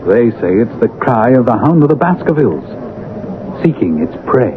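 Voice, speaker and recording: An actor playing an earnest, genial doctor, measured and slightly hesitant, in a 1970s radio drama. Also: male voice, medium pitch, big pitch swings, narrow, tinny audio, background noise, natural voice. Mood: uneasy, grave. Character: earnest, genial doctor, the detective's loyal companion. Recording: thin old radio broadcast, music.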